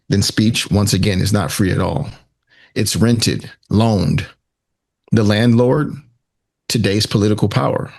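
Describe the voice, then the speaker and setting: A man with a fairly low voice delivers scripted political commentary. He speaks very slowly and deliberately, setting phrases apart with dramatic pauses. His manner is sardonic and pointed, in the style of an exposé. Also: creaky, slightly rough.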